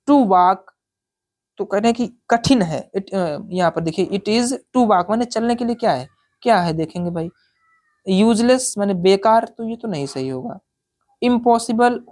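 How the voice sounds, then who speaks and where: Woman for an exam-prep English lesson: a patient tutor who reads lines slowly, then explains them in Hindi, with a mid-pitched voice. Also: darkish tone. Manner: keeps checking with the listener.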